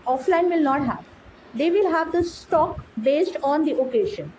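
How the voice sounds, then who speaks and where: A woman chats through a conversation practice, her voice sitting high. She fills pauses with "like, you know". Faint noise hums behind her. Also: expressive, dark tone, poor audio. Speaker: English learner.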